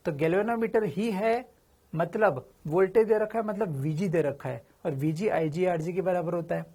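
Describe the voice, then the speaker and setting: A man gives a chatty, informal physics lecture, posing questions and answering them himself while addressing students familiarly and slipping in slang. His high voice is mellow and slightly rough, at a normal speed.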